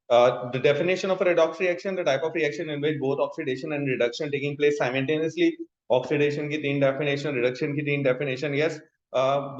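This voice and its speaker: A man with a Pakistani accent teaching a class in an instructive way, repeating key terms and often checking that students follow. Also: on the high side. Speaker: chemistry teacher. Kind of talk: classroom lecture mixing explanation and questions to students. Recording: dull, echoey room sound.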